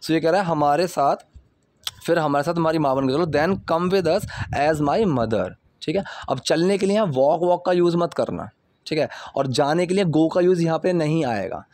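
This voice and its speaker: धीमे उदाहरण पढ़ता अंग्रेज़ी शिक्षक. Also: male voice, on the high side, lively intonation, a little mellow, no room sound. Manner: slow, deliberate reading of example sentences. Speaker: English teacher. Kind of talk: explaining movie subtitle lines.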